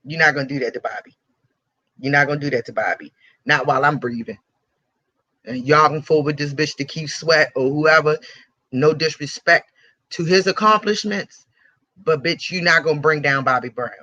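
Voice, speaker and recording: A man's voice: a little high, moderate pace, sharp tone, dry recording. A man hosting a radio show, giving blunt, profane and heated celebrity commentary and repeating his points for emphasis. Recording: dull lo-fi recording.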